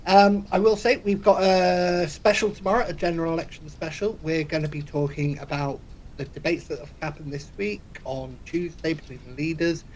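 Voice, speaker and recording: A man co-hosting a podcast, laid-back and quick to laugh, trailing off mid-sentence. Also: fairly high pitch, fairly even intonation, noisy background. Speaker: podcast co-host. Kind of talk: casual chat.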